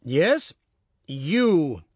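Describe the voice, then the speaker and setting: A man's voice: fairly high pitch, sing-song, drawn-out words, breathy edge, dry recording, studio quality, exaggerated voice. A man voicing a tall, grave village mayor with pompous, formal speech. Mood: accusing.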